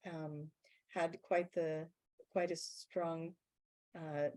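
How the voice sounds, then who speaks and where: Low-voiced woman channelling calmly. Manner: measured, explanatory, often slows to stress words. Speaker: channeller speaking as a guide being. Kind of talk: channelled spiritual Q&A.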